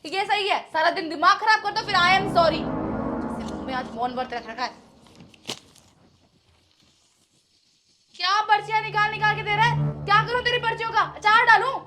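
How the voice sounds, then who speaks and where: A woman's voice: steady tone, a little slow, over music. A woman acting a short-tempered housewife in a short drama who scolds sharply and later turns tearful with remorse. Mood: scolding. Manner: scolding, shrill, then tearful.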